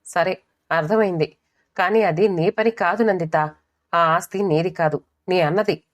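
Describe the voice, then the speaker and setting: A woman narrator puts on a young husband who is impatient and talks down to his wife. The voice stays low and close to the reader's own, with a lecturing, dismissive edge. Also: unhurried, close to an everyday voice. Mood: condescending.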